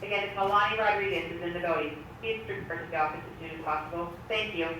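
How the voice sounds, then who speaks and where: A school staff member makes a formal public address announcement over the school intercom loudspeaker, repeating the message twice. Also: medium pitch, fairly even intonation, fast. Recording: echoey, distant loudspeaker with background noise.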